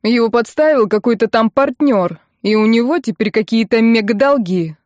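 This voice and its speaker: A woman voicing a sulky, quarrelsome teenage brother who yells and whines, in an audiobook. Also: on the high side, normal speed, no echo, clean studio sound, natural voice. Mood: shouting. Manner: yelling, whiny.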